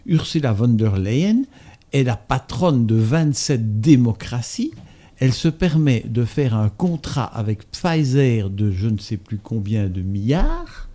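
A man from Belgium, a doctor being interviewed, speaking in a measured, matter-of-fact way. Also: mid-range voice, animated, warm tone. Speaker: doctor and author, guest. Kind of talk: interview conversation.

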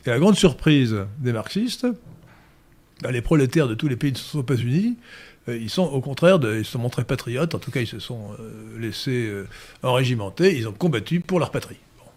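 A man's voice: mid-range voice, animated, fairly quick, a little mellow. A man giving long political explanations in a discussion, lecturing with frequent hesitations and emphatic stresses. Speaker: guest commentator.

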